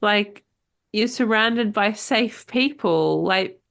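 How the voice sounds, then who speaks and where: Slow-spoken, affirming woman podcast host. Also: medium pitch, gravelly, fairly bright tone. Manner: affirming, reflective. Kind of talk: conversational interview.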